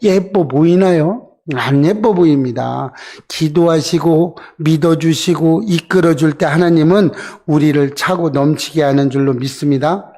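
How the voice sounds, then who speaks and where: A man's voice: a little high, unhurried, mellow. A middle-aged male pastor preaching a sermon, often asking the congregation questions and acting out quoted lines. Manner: asks the congregation questions, answers with "그죠?"; voices Bible figures in quoted lines.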